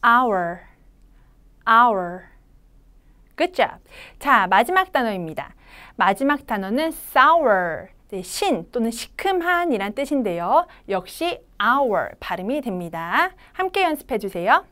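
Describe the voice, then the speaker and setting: Slow, lively-voiced woman teaching phonics. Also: fairly high pitch. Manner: slow, drawn-out model pronunciations for repeating; bright, encouraging teacher voice. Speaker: English pronunciation teacher. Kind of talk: children's phonics lesson.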